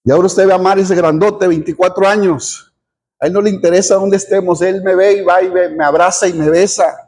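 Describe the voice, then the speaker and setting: Middle-aged pastor, male, very high voice, earnest sermon delivery with repeated words. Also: fairly even intonation, brisk, darkish tone. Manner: earnest preaching with repeated words and an occasional amen.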